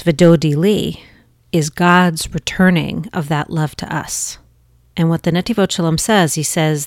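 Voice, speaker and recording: A woman hosting a podcast, giving a gentle, earnest spiritual teaching with soft restarts. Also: low-pitched, no echo, studio quality.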